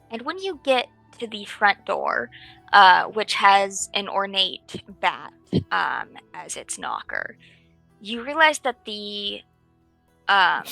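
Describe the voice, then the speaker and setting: A woman narrating a tabletop game as game master, setting scenes in an unhurried, descriptive way. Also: mid-range voice, gravelly, pushed and bright, low-quality recording.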